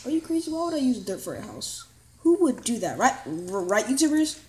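A woman giving casual, rambling commentary over a gameplay video, excitable and full of quick exclamations. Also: on the high side, a little hiss or hum.

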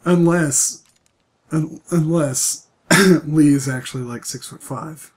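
A man's voice: fairly high pitch, slow pace. A man who is sick and coughing, giving joking, rambling commentary while playing a video game. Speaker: let's-play gamer. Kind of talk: casual gaming commentary.

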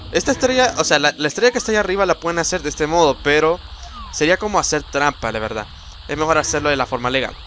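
Young man, chatty let's-play commentator with a slightly high voice; faint game music behind. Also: fairly bright tone. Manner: chatty, rambling, exclaims and laughs at the game. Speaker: gameplay commentator.

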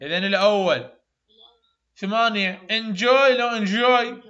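A man with an Iraqi Arabic accent teaching English phonetics in a classroom. He repeats sounds slowly and praises his students often. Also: high-pitched, a bit bright, dull audio. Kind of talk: classroom pronunciation drill.

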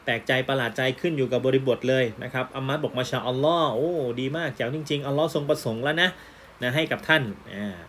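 A man's voice: medium pitch, fast talker, a bit bright, a little hiss or hum. A man teaching an online language lesson, explaining patiently and repeating each word twice.

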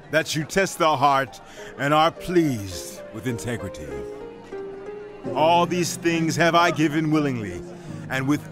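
An actor playing a devout king in a dramatized scripture audiobook, declaiming solemnly and fervently. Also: fairly high pitch. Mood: earnest prayer. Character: King David, devout male ruler addressing his people and God. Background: music.

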